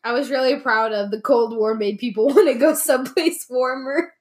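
A young woman runs a playful quiz in a relaxed chat. Her voice is slightly high, and she laughs easily at her own jokes as she reads out the options. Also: normal speed. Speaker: podcast co-host, quiz asker. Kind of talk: casual trivia chat.

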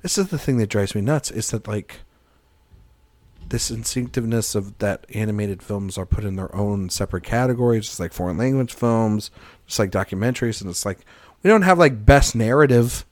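A man's voice: lowish voice, fairly quick, darkish tone, dry recording. A man co-hosting a film podcast, talking emphatically with enthusiastic, profane outbursts. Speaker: podcast co-host. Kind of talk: casual film discussion.

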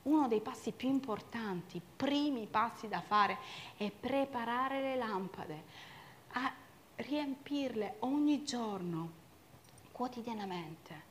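A woman preaches a sermon in a fairly high voice, urgent and impassioned, sometimes dropping to a hush. A faint room hum sits behind her, as in a church. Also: expressive, takes it slowly. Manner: impassioned, swings between loud urging and quiet reflection.

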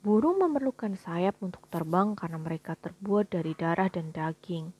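A woman voicing a calm, patient angel who explains things evenly, in a storybook reading, with a breathy voice. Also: medium pitch, normal speed.

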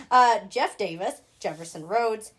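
Young Minnesotan woman, true-crime co-host, slightly high voice, rambling and giggly. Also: lively intonation, slow, a bit bright, breathy edge. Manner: rambling, giggly, many fillers. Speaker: podcast co-host. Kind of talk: casual true-crime chat.

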